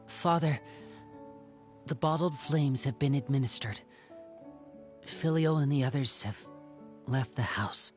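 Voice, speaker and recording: An actor playing an earnest, loyal but self-doubting young man in a video game, speaking softly and respectfully. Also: medium pitch, slow pace, pauses often, soft background music, natural voice. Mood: respectful, subdued. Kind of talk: scripted video game dialogue.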